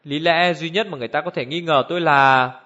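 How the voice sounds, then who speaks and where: A man plays a self-assured doctor who speaks curtly and flatly. His voice is slightly high. The recording is dull and lo-fi. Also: a little fast. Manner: curt, unemotional.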